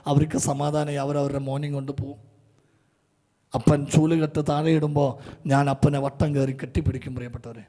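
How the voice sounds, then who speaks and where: A middle-aged man preaching an emotional sermon, pleading and fervent, rising to loud climaxes. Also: a little high, flat delivery, fairly quick. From Kerala, India. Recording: large hall reverb.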